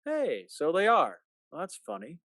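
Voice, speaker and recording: In an old-time, 1940s-style radio drama, a man plays a troubled small-town husband, bewildered and sardonic. His slightly high, bright voice swoops wildly and moves expressively, halting and folksy with a skeptical edge, in an exaggerated performance.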